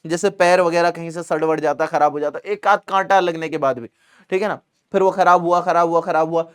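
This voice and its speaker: A man's voice: fairly high pitch, steady tone, fairly quick, a bit bright, smooth. A man teaching a Hindi literature chapter, reading lines aloud and explaining them in a chatty, repetitive way, acting out dialogue. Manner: conversational, repeats lines, calls students beta; acts out quoted dialogue with a raised voice.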